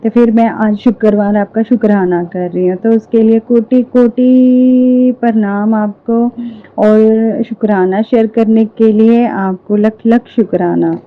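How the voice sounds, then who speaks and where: Woman telling her devotion story to the congregation, earnest, kinda high voice, sounds like a phone line. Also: fairly even intonation, unhurried. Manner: earnest, repeatedly addresses the congregation, many fillers. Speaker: devotee sharing a testimony. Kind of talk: devotional testimony to a prayer group. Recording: tinny phone-line audio.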